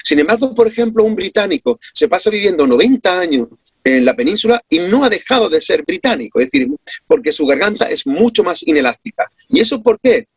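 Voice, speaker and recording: A man from Córdoba with an Andalusian accent explains his ideas as an interview guest from home over a video call. His fairly high, husky voice swings widely in pitch as he presses his points with rhetorical questions. The sound is close and dry. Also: big pitch swings, a little fast, dry recording. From Córdoba, Andalusia, Spain. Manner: emphatic, rhetorical questions, lecturing.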